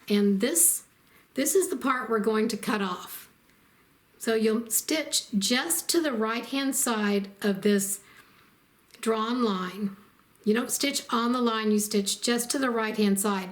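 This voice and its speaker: A woman narrating a step-by-step quilting tutorial as the instructor, in a calm and methodical way. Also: medium pitch. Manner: calm, methodical, explains each step plainly.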